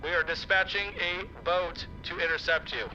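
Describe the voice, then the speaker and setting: A man's voice: sits high, steady tone, normal speed, pushed and bright. A man voicing a stern Coast Guard helicopter radio operator, giving firm, clipped official commands over a marine radio transmission. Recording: muffled radio sound with faint noise.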